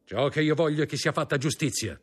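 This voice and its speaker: Man playing a cold accusing magistrate, contemptuous, husky, faint music under. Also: on the high side, fast talker, pitched above the performer's own voice. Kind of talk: audiobook reading.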